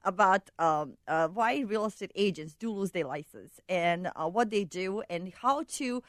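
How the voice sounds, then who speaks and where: A woman from Bosnia with a Bosnian accent, a realtor and regular guest, slightly hoarse and bubbly. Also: medium pitch, animated, unhurried, dry recording, studio quality. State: a little hoarse.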